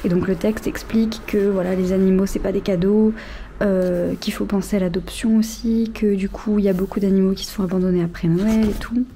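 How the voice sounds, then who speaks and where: A young woman in her twenties chatting casually about books in a vlog, with many fillers and soft, half-whispered asides. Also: medium pitch, steady tone, fairly quick, a little hiss or hum. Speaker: vlogger. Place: outdoors near road traffic.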